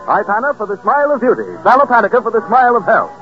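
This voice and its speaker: High-voiced American man announcing old-time radio. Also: lively intonation, very fast. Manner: grandiose, emphatic showman. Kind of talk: 1930s radio variety show announcing. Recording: dull 1930s radio recording with music.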